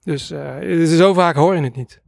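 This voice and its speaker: A man's voice: on the high side, a little slow, gravelly, no echo, studio quality. A man who records nature sounds, telling stories in a casual interview and rambling hesitantly with many filler sounds.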